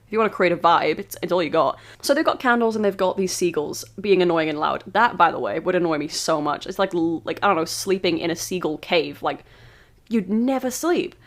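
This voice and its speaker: A woman's voice: lowish voice, brisk, a little hiss or hum. A woman casually retelling an old myth as a birthday podcast, rambling with giggly asides. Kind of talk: casual storytelling monologue.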